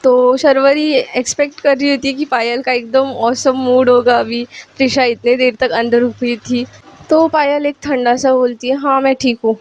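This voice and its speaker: Brief: woman storyteller, casual and chatty, fairly high voice, dull lo-fi sound. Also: flat delivery, normal speed, darkish tone. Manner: chatty, mixes English words into her speech. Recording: lo-fi recording.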